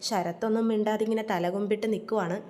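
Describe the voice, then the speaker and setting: A woman's voice: mid-range voice, fairly even intonation, darkish tone. A woman chattily retelling a TV serial episode as a storyteller. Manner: rapid, chatty plot retelling.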